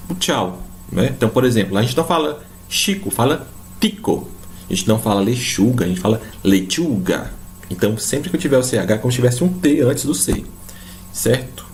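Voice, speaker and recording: A man with a Brazilian Portuguese accent teaching a Spanish lesson, slowly explaining and demonstrating pronunciation with examples. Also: fairly low pitch, a little mellow, slight background noise. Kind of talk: recorded online lesson.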